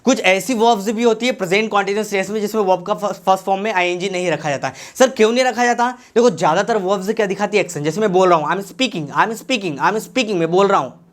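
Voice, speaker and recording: A man's voice: high-pitched, fast, hardly any pauses. A man teaching English grammar with an Indian accent. He repeats each practice sentence several times, then asks the class questions and answers them himself.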